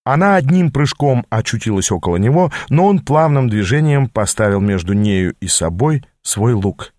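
Male audiobook narrator, mid pitch, measured, dry close booth. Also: expressive, darkish tone, dry recording.

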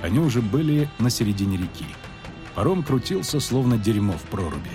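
A man narrating a fantasy audiobook expressively, dropping low and quiet for tension. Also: big pitch swings, a little fast. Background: faint background music.

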